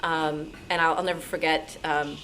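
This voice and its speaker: Telling personal stories to a club audience at a moderate pace, a New York City woman with a slightly low voice stays animated and acts out remembered dialogue along the way. She is a guest speaker who works as a radio drama actress and sound effects performer. Faint noise from the busy meeting room is heard.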